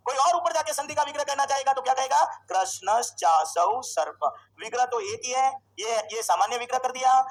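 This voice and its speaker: A man teaching a Sanskrit grammar class, drilling students with questions and slowly repeating forms. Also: very high-pitched, low-quality recording. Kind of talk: classroom lecture.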